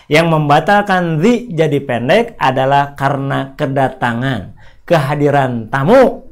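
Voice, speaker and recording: A man teaching an online Quran reading lesson, asking questions, repeating points and slowly drawing out example words. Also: high voice. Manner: asks questions and answers them himself, repeats points; stretches words out slowly when demonstrating readings.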